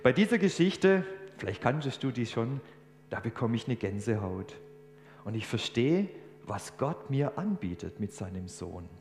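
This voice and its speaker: A man preaching a sermon, telling a story with animated emphasis. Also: medium pitch, moderate pace, soft background music. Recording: echoey church hall, faint hum.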